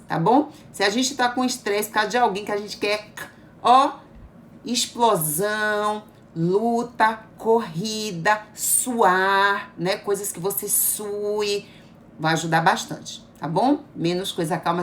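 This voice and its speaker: A woman's voice: medium pitch, a little hiss or hum. A middle-aged woman doctor giving friendly, coaxing health advice to viewers, often checking in with "okay?". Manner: chatty, coaxing, often adds "tá bom?" and "né?". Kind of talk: informal health talk to viewers.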